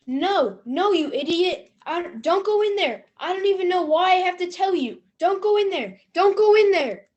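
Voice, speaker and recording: Woman as a very high-pitched, exasperated onlooker. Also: lively intonation, moderate pace, hardly any pauses, darkish tone, lo-fi sound. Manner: urgent, scolding. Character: exasperated, alarmed onlooker shouting warnings at fools. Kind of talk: comic school stage play.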